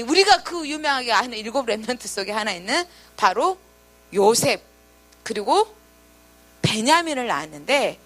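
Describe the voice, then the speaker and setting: A woman's voice: on the high side, bright, forceful tone. A woman pastor preaching to a youth group, telling a story with acted quotes and questions to her listeners. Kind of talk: sermon to teenagers.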